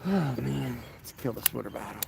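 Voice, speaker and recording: A man's voice: mid-range voice, animated, moderate pace, creaky, heavy background noise. A man hosting a fishing vlog outdoors by a river, chatting easily and speaking straight to his viewers. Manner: easygoing, talks straight to viewers. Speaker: fishing channel host. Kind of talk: casual outdoor vlog chat.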